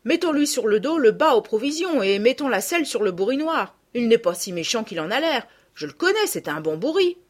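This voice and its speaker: Woman playing a kindly peasant lad, folksy, lively and breathy, storybook. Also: on the high side, fairly quick, few pauses, pitched above the performer's own voice. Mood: earnest. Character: rustic peasant boy, kindly, homespun.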